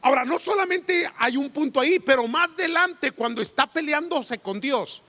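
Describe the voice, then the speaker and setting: Pastor, man, very high and lively pitch, slow deliberate sermon delivery, long church hall reverb. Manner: animated preaching with rhetorical questions. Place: church sanctuary.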